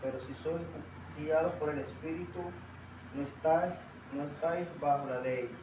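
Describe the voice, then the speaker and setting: A man in a congregation reading a scripture passage aloud at a steady pace, leaning on some words. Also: fairly high pitch, moderate pace. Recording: echoey room, far from the mic, clear noise.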